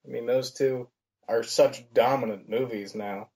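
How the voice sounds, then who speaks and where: Mellow-voiced American teen film reviewer. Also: male voice, mid-range voice, fairly even intonation, measured pace. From Pennsylvania, USA. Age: teens. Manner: brief, modest replies. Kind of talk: casual interview answers.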